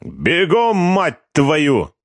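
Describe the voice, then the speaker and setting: A man voicing a drunk, crude young corporal who shouts, swears and threatens. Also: mid-range voice, big pitch swings, takes it slowly, dry recording, studio quality, voice pushed up. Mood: drunken bullying.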